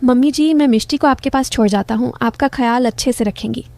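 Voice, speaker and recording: A man's voice: very high voice, brisk, gravelly, darkish tone. Woman voicing a coaxing young son-in-law.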